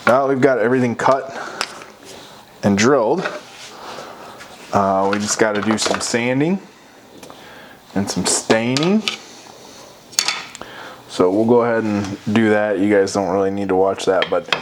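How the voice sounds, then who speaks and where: A man giving a casual hands-on how-to, talking haltingly as he thinks aloud while working. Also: fairly low pitch, noisy background. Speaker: host of a hunting and craft how-to show. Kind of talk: casual hands-on tutorial narration.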